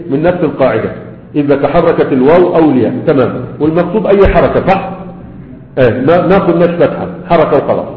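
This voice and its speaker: A man with an Egyptian accent teaching a grammar lesson to a class, explaining step by step and asking and answering his own questions. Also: fairly high pitch. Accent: Egyptian Arabic. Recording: echoey hall over tinny phone-like sound.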